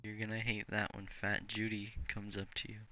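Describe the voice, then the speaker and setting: A young man co-hosting a podcast, joking and teasing in casual chat, with a gravelly voice. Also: on the low side, completely flat delivery, moderate pace, sharp tone, no room sound, poor audio. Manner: jokey, teasing, giggly. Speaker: podcast co-host.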